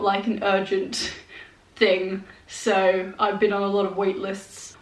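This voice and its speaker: A chatty vlogger in her twenties, stuffed up with a head cold, rambles to her handheld compact camera with fillers and little laughs from a sparsely furnished room at home. Her mid-range voice sounds distant and a bit off-mic, with a roomy echo around it.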